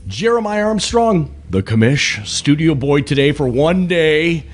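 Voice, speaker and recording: A man's voice: fairly high pitch, animated. A man hosting a podcast, chatty with joking asides. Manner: jokey, chatty, quick asides. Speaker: podcast host. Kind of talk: casual chat. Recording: faint background noise.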